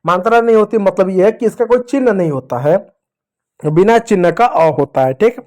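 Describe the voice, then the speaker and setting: A man with a high, light voice gives a patient reading lesson for children. He repeats each sound slowly, asks a question and answers it himself, and keeps calling his listeners dear children. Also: a little mellow. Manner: addresses the viewers as dear children. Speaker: teacher.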